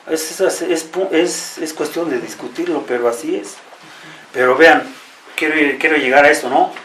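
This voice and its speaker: A man's voice: fairly high pitch, a bit bright, a little hiss or hum. A man with a Mexican Spanish accent preaching a sermon in an earnest, repetitive way and often turning to address the congregation directly. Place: church hall. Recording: roomy echo, from far off, faint ambience.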